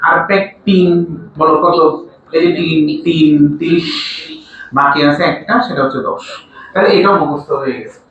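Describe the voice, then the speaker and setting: A man's voice: on the high side, moderate pace, pauses often, phone-quality sound. A man teaching a biology class, often asking his students to repeat answers back to him. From Bangladesh. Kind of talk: classroom lecture. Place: large classroom. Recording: echoey room from far off, noisy.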